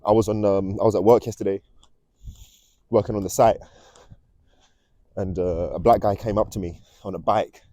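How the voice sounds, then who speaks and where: A young man hosting a vlog walks outdoors, giving a casual, rambling monologue to camera that sounds earnest and ominous. His voice is on the low side and warm, with a steady tone and moderate pace, and he pauses often.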